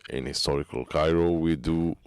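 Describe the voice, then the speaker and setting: Deep-voiced man interpreting live. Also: fairly even intonation, a little mellow, clean tone, dry recording. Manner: halting, phrase-by-phrase delivery. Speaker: conference interpreter. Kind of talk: live simultaneous interpretation of a conference talk.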